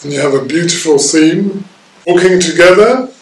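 A middle-aged French man, a facilitator, speaking haltingly with many ums in a recorded video message. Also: a little high. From France. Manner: hesitant, many ums and restarts. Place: sitting room with plant and map, indoors. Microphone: far camera. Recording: roomy audio from a distant camera.

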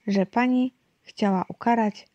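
A woman narrating a children's book in a lively storytelling way. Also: on the high side, a little slow, no echo, lo-fi sound.

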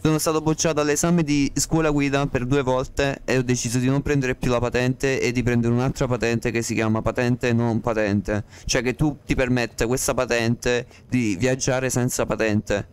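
A man's voice: medium pitch, little pitch movement, normal speed, few pauses, smooth. A man live-streaming a game, chatting with viewers in a playful, joking, slangy way, repeating himself, speaking close to the microphone. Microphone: close to the mic.

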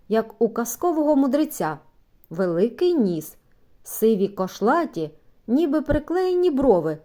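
A woman reads a children's story aloud with an animated, rising and falling voice. Her tone is mellow and warm, and she lifts her voice to give the characters life. It is a steady, scripted audiobook narration. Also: on the high side. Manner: lively, expressive reading with voiced dialogue.

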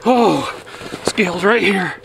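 A man's voice: sits high, expressive, takes it slowly, creaky, far from the mic, noisy background. A man hosting an outdoors video, talking on a frozen lake, exclaiming in disbelief and swearing as he lands a fish. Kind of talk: excited outdoor commentary.

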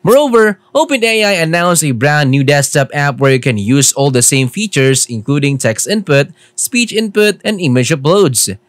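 Dry, even male tech narrator. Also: on the high side, moderate pace, hardly any pauses, no echo. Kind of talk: scripted tech explainer narration.

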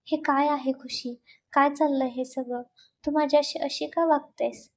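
A woman's voice: sits high, fairly even intonation, unhurried, a little mellow, slight background noise. A woman voicing an earnest, devoted young college man who talks in a pleading, heartfelt way. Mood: upset.

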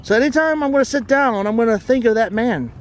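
A man's voice: very high-pitched, fast. A man hosting a casual travel vlog, narrating a walk around a lakeside forest preserve with chatty, tour-guide commentary. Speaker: vlog host.

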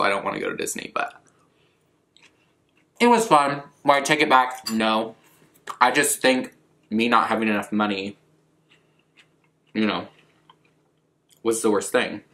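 Bright-voiced young man chatting casually. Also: mid-range voice. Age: 20s. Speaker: vlogger answering viewer questions. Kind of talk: casual rambling chat to camera. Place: living room at a coffee table, indoors.

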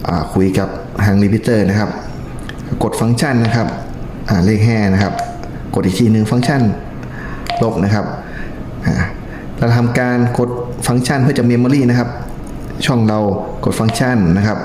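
A man who presents a radio how-to channel walks listeners through a step-by-step tutorial, speaking politely and instructively with frequent courtesy particles. His fairly low voice stays steady at a normal speed, and he pauses often. The room is echoey, with clear background noise.

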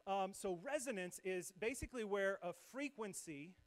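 A young man leads a church service as worship pastor, his voice sitting fairly high for a man. He speaks into a stage microphone in a loose, conversational way. He pokes fun at himself as he explains things. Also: animated, moderate pace. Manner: conversational, self-deprecating, explains with asides. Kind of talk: sermon. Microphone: handheld or stage microphone.

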